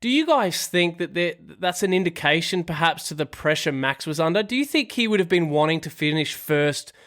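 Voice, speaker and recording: A man with a fairly high, smooth, resonant voice steers a casual podcast conversation. He recaps at length, then hands the floor to his co-hosts with questions. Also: expressive, a little fast, fairly bright tone. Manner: leads the talk with long recaps and questions. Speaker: podcast co-host.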